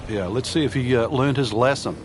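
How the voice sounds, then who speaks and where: A man giving conversational golf commentary as the analyst, unhurried and explanatory with dry understatement. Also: medium pitch, noisy background, natural voice.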